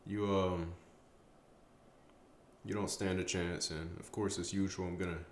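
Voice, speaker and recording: A man's voice: deep voice, flat delivery, unhurried, echoey room, slight background noise. A tired young man chatting casually on a late-night stream, rambling and stumbling over his words, with self-mocking trash talk. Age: young adult. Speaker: streamer answering chat.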